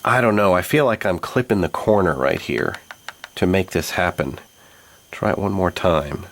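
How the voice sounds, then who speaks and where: A man hosting a tabletop board game playthrough, explaining the rules and thinking aloud about each move in a measured way. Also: deep voice, vocal fry, a bit bright. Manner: measured, thinks aloud while checking moves.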